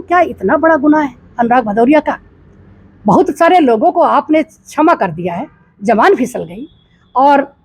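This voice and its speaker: Older woman, high voice, dry sound, firing off indignant questions in a news interview. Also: no echo. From Gorakhpur, eastern Uttar Pradesh, India. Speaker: interviewee, politician.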